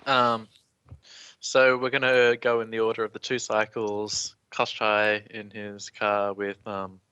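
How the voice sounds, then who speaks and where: Male game master, bright, crisp voice, dry call mic, relaxed and halting. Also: fairly low pitch, dry recording. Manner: easygoing, hesitant with fillers. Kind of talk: running a tabletop game over voice chat.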